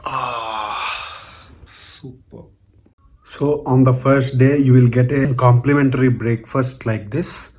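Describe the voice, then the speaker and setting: Mellow Indian man vlogging, South Indian accent. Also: mid-range voice, fairly even intonation, normal speed, hardly any pauses, a little hiss or hum. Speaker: travel vlogger. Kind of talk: casual travel vlog narration.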